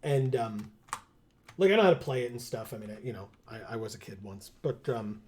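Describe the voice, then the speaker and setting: Guy streaming a game, rambly, lots of ums and laughs, mid pitch. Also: expressive, a little fast, a little mellow. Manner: laughs often, rambling with fillers. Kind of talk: casual livestream chat.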